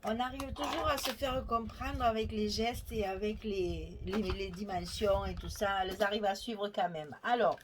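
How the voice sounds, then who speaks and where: A woman's voice: mid-range voice, fairly even intonation, moderate pace, few pauses, background noise. A woman with a Provençal French accent hosting a chatty, step-by-step scrapbooking tutorial, thinking aloud and correcting herself as she goes.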